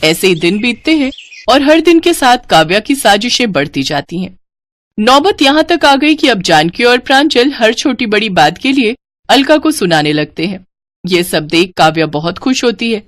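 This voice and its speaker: A woman narrating a scripted moral story in an expressive storytelling manner. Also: fairly high pitch, dry recording.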